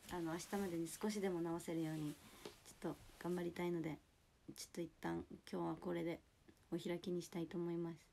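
Young Toyama-accented woman, husky lowered voice, chatty and apologetic. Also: level tone, fast, mellow, slight background noise. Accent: Toyama dialect. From Toyama, Japan. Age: 20s. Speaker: idol livestreamer. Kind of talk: casual livestream chat.

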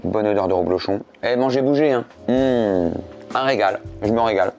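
A man's voice: on the low side, moderate pace, a little mellow, soft background music. A man tasting food on camera and talking with his mouth full, in a playful, joking way with appreciative hums. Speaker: food vlogger. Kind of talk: casual food tasting chat.

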